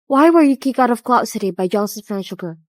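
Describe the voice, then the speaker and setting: A woman's voice: on the high side, lively intonation, quick pace, dry recording, clean studio sound, natural voice. A woman dubbing a betrayed bride who sternly questions her fiancé. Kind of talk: dubbed drama acting.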